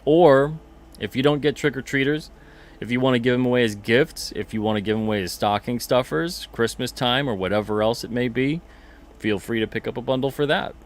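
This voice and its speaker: A man's voice: medium pitch, fairly quick. A man hosting a casual livestream, chatting loosely, repeating himself and reading out viewer comments. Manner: chatty, rambling, repeats himself, reads chat comments aloud. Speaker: podcast host and comic publisher.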